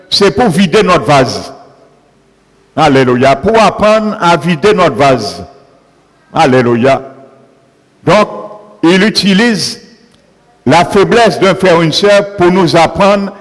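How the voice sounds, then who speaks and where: A man preaching a sermon, punctuating his points with repeated calls of alleluia. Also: fairly high pitch. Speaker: pastor. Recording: long hall reverb.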